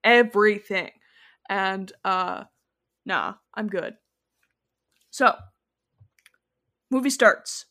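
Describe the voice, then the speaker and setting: A woman's voice: mid-range voice, drawn-out words, pauses often. Rambling woman in casual chat. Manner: rambling, self-correcting, animated asides. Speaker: podcast co-host.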